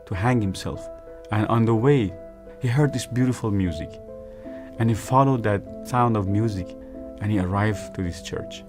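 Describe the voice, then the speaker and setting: A man tells his own faith story in an earnest, measured way. His voice sits fairly low. Music plays steadily underneath him. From Iran. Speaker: evangelist. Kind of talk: personal faith testimony. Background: background music.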